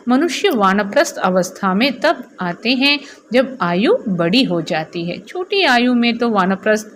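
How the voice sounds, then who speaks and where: A woman's voice: fairly high pitch, big pitch swings, unhurried, slight background noise. A woman reading a spiritual discourse aloud as a teacher, repeating each passage and then explaining it.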